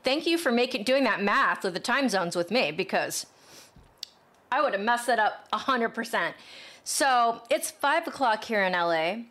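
A woman's voice: on the high side, animated, normal speed, bright, forceful tone. An American woman hosting a podcast in a casual, chatty, slangy way. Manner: informal, slangy, addresses listeners as friends. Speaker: podcast host.

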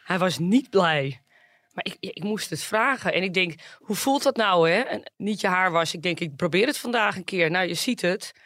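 An outspoken, excitable woman chatting as a radio reporter in the studio. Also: fairly low pitch, moderate pace, no room sound. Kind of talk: casual radio chat.

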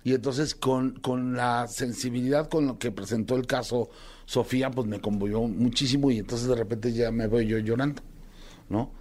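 A man with a Mexican Spanish accent, chatting as a talk show guest, animated, imitating his kids and telling silly jokes. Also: mid-range voice, normal speed. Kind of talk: casual chat.

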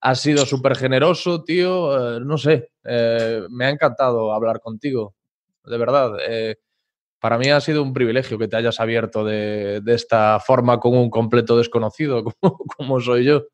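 A man's voice: mid-range voice, normal speed. A man from Spain hosting a podcast, friendly and informal. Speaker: podcast host. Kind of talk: podcast interview and outro.

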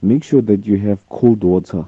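A man's voice: fairly low pitch, moderate pace, dark tone, breathy edge, no room sound. A man, a listener whose recorded voice message is played on air, giving advice hesitantly with fillers and chuckles. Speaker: listener sending in a voice note. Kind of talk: casual advice. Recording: dull lo-fi phone voice note.

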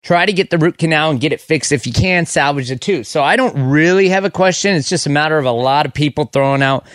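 A man's voice: a little high, quick pace, a bit bright, no echo, studio quality. A man hosting a radio show, chatting casually with callers. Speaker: radio host. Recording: music playing behind voice.

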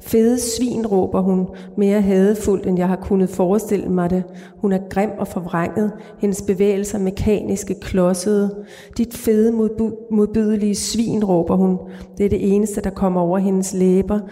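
Calm woman author reading in a church. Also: mid-range voice. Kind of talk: literary reading and interview answers. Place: large church. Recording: reverberant church hall.

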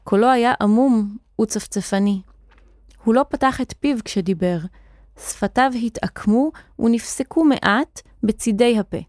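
Woman storyteller reading a kids' serial story, clear and expressive, dry close sound. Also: fairly high pitch, dry recording. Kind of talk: scripted children's story narration.

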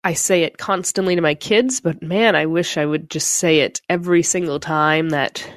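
A middle-aged woman with a lowish voice hosts a motivational podcast solo. She talks in a heartfelt, reflective way, pausing on fillers. The recording is close and dry. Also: dry recording. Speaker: podcast host. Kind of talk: casual motivational monologue.

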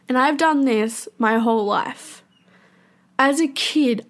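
A young woman speaking candidly in a personal confessional monologue, swearing often and talking in fast bursts. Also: high voice.

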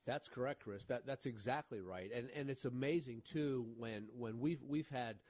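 A man's voice: mid-range voice, normal speed, darkish tone, no room sound. A man hosting a financial advice radio show, giving emphatic, reassuring advice and checking in with "right?" and "okay?". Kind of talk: radio call-in talk.

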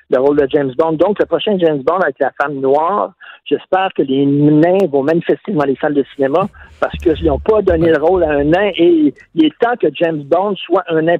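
Male radio guest, mock-indignant raconteur, higher voice, dull lo-fi line. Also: no room sound. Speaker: guest calling in. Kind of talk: casual radio chat.

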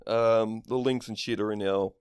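A man's voice: lowish voice, fairly even intonation, normal speed, darkish tone, smooth, no room sound, clean studio sound. An Australian man co-hosting a comedy podcast in casual chat, with matey, sweary banter.

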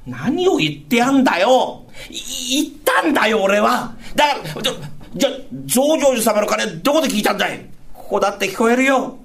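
A male rakugo storyteller playing a gruff, hard-drinking Edo fishmonger husband, with old speech. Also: very high-pitched, big pitch swings, fairly quick, fairly bright tone, exaggerated voice. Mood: bewildered. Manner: gruff, boisterous, blustering.

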